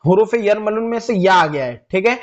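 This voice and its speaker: A man's voice: sits high, expressive, fairly quick, lo-fi sound. A man teaching Quran reading who drags out each syllable as he spells words. He asks questions and answers them himself. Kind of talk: step-by-step recitation lesson.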